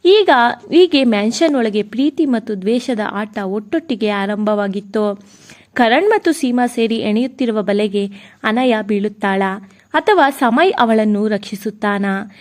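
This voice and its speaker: A woman's voice: fairly high pitch, lively intonation, a little slow, a little mellow. A woman narrating a romantic family drama story in an earnest, dramatic way. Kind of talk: scripted narration.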